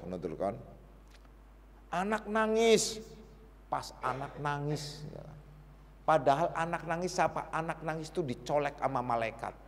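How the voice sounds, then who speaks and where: A man's voice: on the high side, creaky. Slangy male preacher, echoing hall. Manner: chatty, teasing, slangy, switches between loud and quiet. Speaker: Sufi teacher. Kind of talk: casual sermon.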